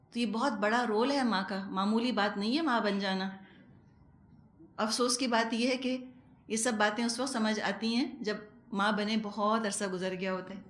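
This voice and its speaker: Echoey woman teaching a women's class. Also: mid-range voice. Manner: conversational, acts out household calls. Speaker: Quran teacher. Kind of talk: lecture to women.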